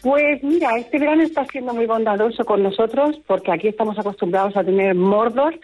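A woman from Murcia calling in to a radio show, chatting quickly and a little nervously. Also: on the high side, soft background music. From Murcia, Spain. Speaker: radio caller. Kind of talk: phone-in chat. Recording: muffled phone-in line.

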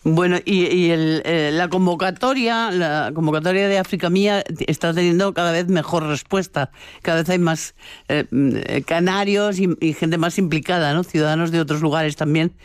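A man's voice: a little high, steady tone, moderate pace, clean tone, no echo, clean studio sound. A man interviewing a guest on the radio, asking friendly questions with frequent hesitations.

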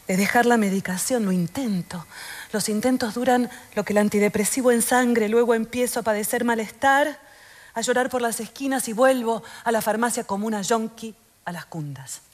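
A woman's voice: on the high side, moderate pace, close to an everyday voice. An actress delivering a stage monologue as a lonely, anxious woman turning forty who mocks herself. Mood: weary. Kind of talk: theatre monologue recording.

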